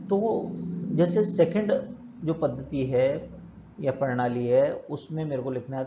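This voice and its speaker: Man, physics teacher, explains step by step, asks himself questions, mellow voice, muffled lo-fi recording. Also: mid-range voice, a little hiss or hum. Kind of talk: classroom lecture.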